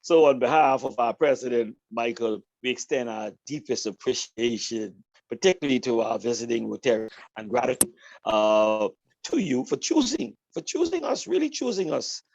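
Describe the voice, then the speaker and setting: A man speaks on a video call with a medium-pitched voice, repeating his welcomes and stretching out his phrases. The audio is dry and muffled, with little room sound. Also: lively intonation, gravelly, a little mellow, no room sound. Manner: repetitive, drawn-out phrases. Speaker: greeter at a club meeting. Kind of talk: warm welcome speech with a told joke.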